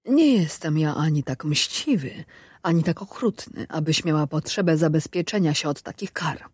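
A woman voicing a pompous sultan of about fifty who speaks slowly and grandly. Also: medium pitch, expressive, darkish tone, dry recording. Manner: slow, drawn-out, stately.

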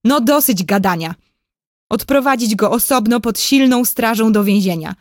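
A woman's voice: a little high, normal speed, no room sound, natural voice. Woman putting on an angry enemy army officer, man, sneering, harsh, storybook, dry. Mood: scornful.

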